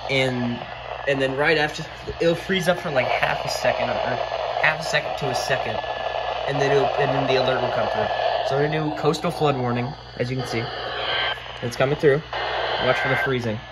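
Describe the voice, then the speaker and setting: A man demonstrates something hands-on at a wooden desk indoors, talking informally and thinking aloud as he goes. Shot on a handheld phone, the audio is very noisy; his voice is mid-range and his pace moderate.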